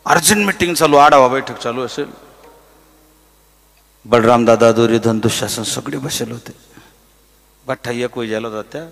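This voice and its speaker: A man preaching a devotional kirtan sermon, telling the story with lively acted voices and breaking into chanted verses. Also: mid-range voice, normal speed, creaky, long pauses, over music. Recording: reverberant hall.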